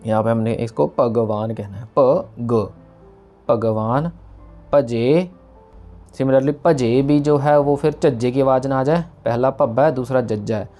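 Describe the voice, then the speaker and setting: A patient man teaches how to pronounce sacred verses, breaking each word down and then chanting the full line slowly. His voice is dark and mellow. A faint music bed plays beneath him. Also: medium pitch. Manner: patient, explains slowly, repeats words and chants the lines. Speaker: teacher of scripture recitation. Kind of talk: pronunciation lesson.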